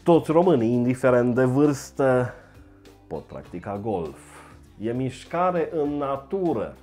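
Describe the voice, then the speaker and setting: A man doing a mocking satirical comedy monologue, jumping into high mock voices. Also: expressive, mellow, soft background music.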